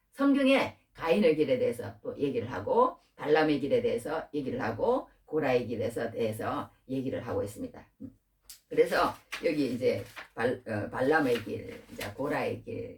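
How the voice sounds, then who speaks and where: A middle-aged woman preaching a sermon, asking the listeners rhetorical questions in an informal, lively way. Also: extremely low pitch. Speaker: pastor. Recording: distant from the mic.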